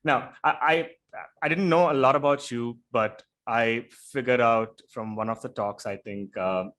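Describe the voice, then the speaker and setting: A man's voice: medium pitch, a bit bright. A man hosting a casual interview, repeating words as he works his way into questions. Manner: halting, repeats words while forming questions. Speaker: podcast host.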